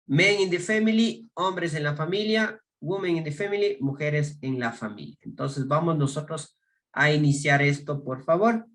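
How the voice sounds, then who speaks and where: A man's voice: a little high, fairly bright tone. A man with an Ecuadorian Spanish accent teaching an online English class, reading each English word aloud and explaining it in Spanish. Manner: slow, explaining in Spanish and modeling English words.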